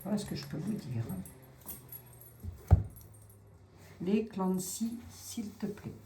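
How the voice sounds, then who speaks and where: A woman speaks slowly in a low, mellow voice, thinking aloud as she reads cards for her viewers. She hesitates, circles back and repeats phrases while she works things out. The sound is echoey, with faint ambient noise in the background. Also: expressive. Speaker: psychic card reader. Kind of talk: casual live card reading.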